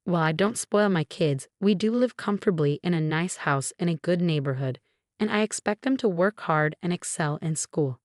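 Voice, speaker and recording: A woman reading online forum posts aloud as scripted narration, in an even, measured delivery with no fillers. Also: on the low side, no echo, clean studio sound. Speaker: story narrator.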